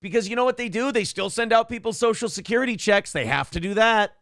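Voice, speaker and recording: A brash, profane male talk show host with a gravelly, slightly high voice riffs loosely on politics and reads out viewer messages. He talks quickly with a fairly bright tone, and the recording is dry and close.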